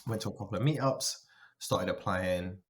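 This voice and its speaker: A low-pitched man speaking at normal speed is the guest on a casual podcast, telling his own career story. A software engineer and linguist, he works out his thoughts aloud as he goes.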